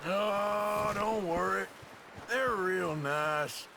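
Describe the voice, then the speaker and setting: An actor playing a tough Old West outlaw in a video game, with an American Southern accent and a gruff, threatening drawl. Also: male voice, sits high, very slow, noisy background, heavily acted. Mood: dry. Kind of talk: video game western acting. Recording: loud music over the voice.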